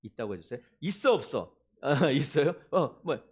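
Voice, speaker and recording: A man's voice: medium pitch, sing-song, normal speed, slightly rough. A male pastor preaching a sermon, asking the congregation questions and acting out quoted voices.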